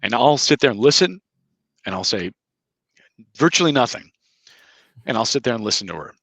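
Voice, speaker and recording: A man's voice: mid-range voice, very animated, moderate pace, fairly bright tone, no echo, rough recording. A man in a casual podcast chat, giving advice in an emphatic, lecturing way and often repeating words. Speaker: podcast co-host. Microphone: headphones with mic.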